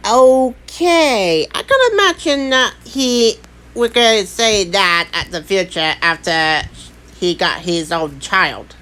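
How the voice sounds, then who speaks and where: A woman's voice: mid-range voice, expressive, slow, fairly bright tone, poor audio. A woman chatting as a co-commentator, hesitant and searching for her words. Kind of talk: casual commentary chat.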